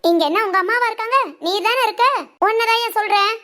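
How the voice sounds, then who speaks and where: Two sentences: a very high-voiced young wife, squabbling with her husband and playing up every grievance. It is a Tamil family cartoon, with the role taken on by a woman doing the voice. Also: fairly quick, bright, forceful tone. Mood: scolding. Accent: Tamil Nadu Tamil. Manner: bickering, dramatic. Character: sharp-tongued young wife, theatrical complainer. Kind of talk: cartoon voice acting.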